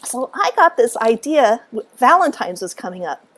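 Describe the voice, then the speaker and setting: A woman telling a story to camera in a relaxed, animated way, acting out what people said and laughing along the way. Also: on the high side, normal speed. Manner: animated, acts out quotes, laughs often. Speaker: author and speaker. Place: at home.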